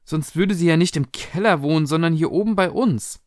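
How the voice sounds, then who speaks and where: A man voicing a frightened teenage daughter who talks high, excited and breathless, in a spoken storybook reading. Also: brisk, no echo, studio quality, close to an everyday voice. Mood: upset.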